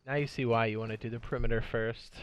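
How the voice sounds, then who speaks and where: A man with a mid-range voice streams a video game, speaking briskly and casually as he thinks aloud while playing. His manner is relaxed and chatty, giving live gameplay commentary. The recording is muffled, with slight background noise.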